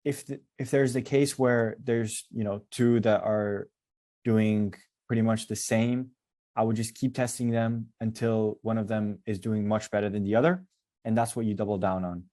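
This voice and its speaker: A man's voice: on the low side, steady tone, normal speed, warm tone. A man acting as a business coach on a video call, giving casual, direct advice.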